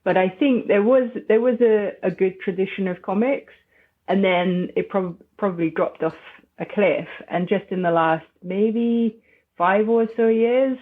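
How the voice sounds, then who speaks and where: A woman's voice: mid-range voice, a little slow. Hesitant woman on a tinny line. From Hungary. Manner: hesitant, many restarts and fillers, thoughtful. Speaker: podcast guest. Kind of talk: conversational interview. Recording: tinny phone-like remote line.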